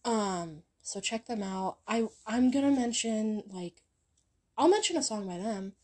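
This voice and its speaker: On her channel, a young woman rambles through song recommendations, packing her casual music chat with ums and likes. Her medium-pitched voice is darkish, with lively intonation and a measured pace.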